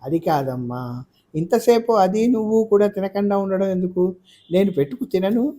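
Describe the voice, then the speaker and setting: A man voicing a young woman who answers her mother in a brisk, matter-of-fact way. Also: high voice, dark tone, voice pushed up. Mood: puzzled. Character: young woman, lively carefree daughter.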